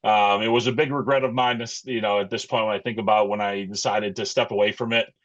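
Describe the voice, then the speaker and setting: A middle-aged American man with a lowish voice chats as an interview guest. He talks in a halting, thoughtful way, feeling for his words. The audio is slightly dull and lo-fi. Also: steady tone. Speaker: interview guest, pro wrestler and wrestling coach. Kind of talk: casual interview chat.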